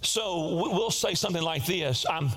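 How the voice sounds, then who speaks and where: A male pastor delivers an emphatic sermon to his congregation in a high, lively voice. He swoops up and down freely, throwing out rhetorical questions. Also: normal speed. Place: church service.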